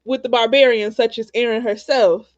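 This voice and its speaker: A woman hosting a casual chat over a video call, arguing in an animated, defensive way. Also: on the high side, normal speed, highs cut off. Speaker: host.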